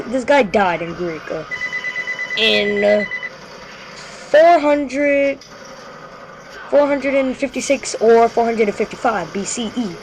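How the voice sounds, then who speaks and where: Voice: medium pitch, background noise. A show host casually telling a creepy story live, rambling and often stopping mid-sentence to correct themselves. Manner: rambling, frequently corrects itself.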